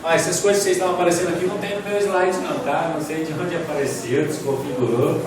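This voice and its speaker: A man's voice: fairly high pitch, fairly even intonation, fast talker, crowd noise. Man lecturing in an echoey hall. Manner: explanatory, asks the audience questions, points at slides. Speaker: poetry lecturer. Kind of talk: classroom lecture with slides. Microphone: distant from the mic. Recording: echoey hall, distant mic, faint room noise.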